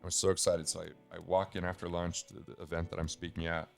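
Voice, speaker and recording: A man's voice: sits low, fast talker, creaky, soft background music. A middle-aged man host, telling stories in casual chat and acting out quoted dialogue. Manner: animated storyteller, acts out quoted dialogue.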